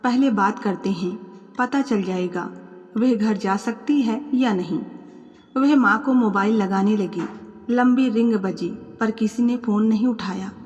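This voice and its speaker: A woman storyteller reading a moral family story in a calm, measured, expressive narration. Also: medium pitch, in a large hall, dull audio, soft background music.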